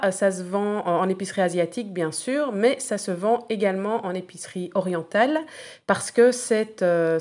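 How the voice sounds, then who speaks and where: A woman's voice: lowish voice, a little mellow. A woman food blogger talking through a recipe in a casual podcast, chatty with frequent hesitations. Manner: chatty, many hesitant fillers.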